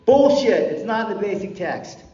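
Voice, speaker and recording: A man's voice: high-pitched, expressive, normal speed, mellow. Middle-aged california guy preaching recovery at a convention, cussing, impassioned, sounds far off and dull, faint hiss. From California, USA. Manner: blunt and profane, impassioned, repeats for emphasis. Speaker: guest speaker at a recovery convention. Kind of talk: personal recovery talk to a crowd. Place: large convention hall. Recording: echoey hall, distant, dull lo-fi, faint hiss.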